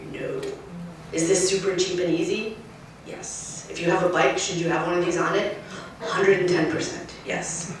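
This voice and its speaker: A woman urban wildlife specialist giving a lively, emphatic outdoor talk, often checking in with her listeners. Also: lowish voice, normal speed. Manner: lively, emphatic, keeps asking the crowd "right?". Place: outdoors at a nature center. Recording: echoey, distant, faint noise.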